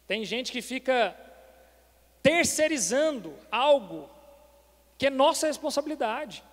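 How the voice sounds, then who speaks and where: Male pastor, very high voice, preaching with rhetorical questions, church hall with long reverb. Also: very animated, measured pace. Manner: preaching with rhetorical questions, repeatedly addressing "irmãos". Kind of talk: sermon.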